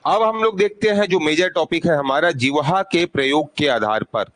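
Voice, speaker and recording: A man's voice: on the high side, normal speed, a bit bright, dry recording, poor audio. A male teacher giving a classroom lesson, quizzing his students over and over and prompting them to answer aloud.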